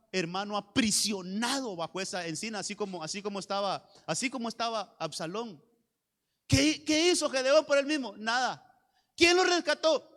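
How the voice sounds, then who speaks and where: A pastor preaches with fervor, often climbing to shouted lines and repeating phrases for emphasis. His voice sits high for a man. It rings with a long echo through a church hall. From Honduras. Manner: fervent preaching with rising shouts and call-and-response repetitions. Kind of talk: sermon. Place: church sanctuary.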